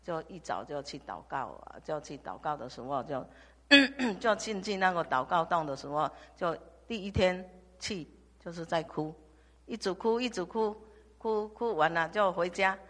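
An older woman from Taiwan, giving a halting church testimony full of restarts and repetitions. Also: on the low side, animated. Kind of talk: personal testimony. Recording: long hall reverb.

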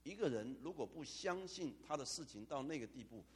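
A man preaching a sermon as pastor, animated, with dramatic asides. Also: medium pitch, brisk, breathy edge. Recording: long hall reverb.

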